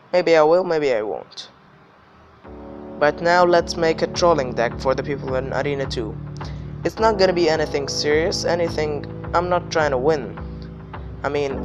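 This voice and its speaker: A man gives casual commentary as the host of a gameplay video. His voice sits a little high for a man and sounds slightly unwell. Faint music plays behind him. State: slightly ill voice.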